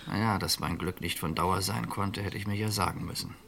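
This male actor, with a deep and gravelly voice, plays a resigned middle-aged fugitive in a vintage radio crime drama. He sounds calm, measured and reflective, and the audio carries a little hiss or hum.

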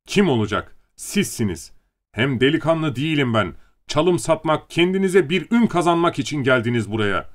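A man voicing a drunk young male writer who shouts angry accusations in an audiobook. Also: fairly high pitch, animated, normal speed, pitched above the performer's own voice, lightly acted. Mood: furious.

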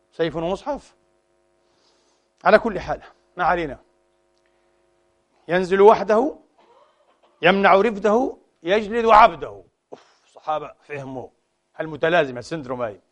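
A man preaching a sermon, switching between formal in a lively, animated manner. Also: high-pitched, fairly quick, long pauses. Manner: animated, mixes formal Arabic with colloquial dialect, acts out quoted voices.

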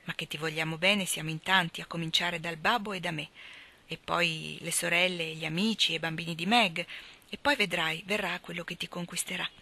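Woman voicing a calm, kindly mother, reassuring, low and bright. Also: fairly quick, creaky, exaggerated voice. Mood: tender. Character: gentle, wise mother comforting her daughter.

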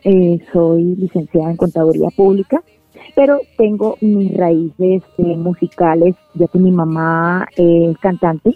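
Over a tinny, phone-like line, a Venezuelan woman who sings in a band talks as a guest in a casual radio interview, hesitating with many fillers and restarts. Her fairly low voice stays steady at a measured pace, with no echo and faint music behind.

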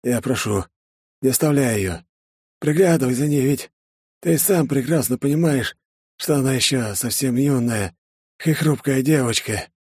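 A man voicing a dying older man in an audiobook, weak and gasping, speaking solemnly in halting phrases. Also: mid-range voice, a little mellow, husky, no room sound, studio quality, voice pushed up, natural voice. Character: dying older man, former boss, pleading.

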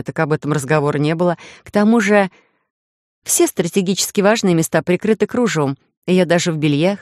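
A woman narrating a first-person romantic audiobook in a lively, ironic way. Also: sits low, no echo, studio quality. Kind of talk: scripted narration.

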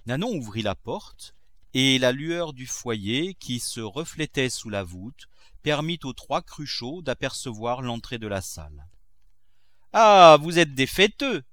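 A man narrating a classic novel in a measured, expressive way. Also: mid-range voice, no room sound. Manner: measured, expressive, acts out characters. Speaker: audiobook narrator.

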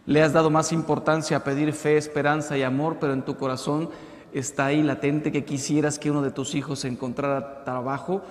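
A Mexican man in his fifties, a priest preaching with a lively delivery and acted-out voices in his jokes. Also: fairly high pitch, brisk. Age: 50s. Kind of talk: preaching talk. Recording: echoey hall.

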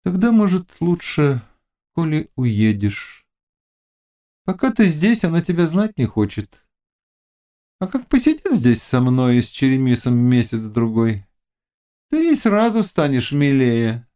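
A man voicing a fierce, mocking young witch and fortune-teller in an audiobook, chanting incantations in a high, loud voice. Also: big pitch swings, measured pace, pauses often. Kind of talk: audiobook character reading.

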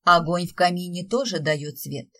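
A woman voicing a gentle young nobleman engaged to the heroine in an audiobook. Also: on the low side, normal speed.

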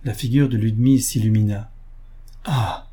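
A male narrator reads a classic novel aloud in a measured, expressive manner. His voice is mellow and dark, with a husky edge. The delivery is steady and literary. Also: medium pitch.

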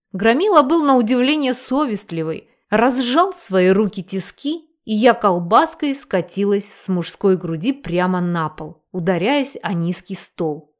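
A woman narrates a first-person audiobook in an expressive reading voice. Her pitch sits in the middle range.

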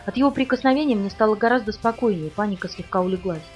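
A woman narrating an audiobook in the first person, tense and quick storytelling. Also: medium pitch. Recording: dull, distant recording with faint music.

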